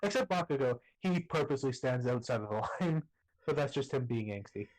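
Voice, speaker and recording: Teasing game master, casual tabletop narration, quick to laugh. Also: mid-range voice, animated, a little mellow, rough recording.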